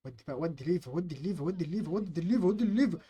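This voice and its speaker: A young man with an Egyptian Arabic accent, giving live gameplay commentary, excitable, chanting at the screen and muttering to calm himself. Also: fairly high pitch, rapid-fire, slightly rough. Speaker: gaming YouTuber.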